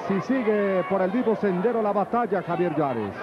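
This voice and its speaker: A man's voice: high voice, expressive, normal speed. A Mexican man calling lucha libre play-by-play in live commentary. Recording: muffled old TV tape, noisy arena crowd.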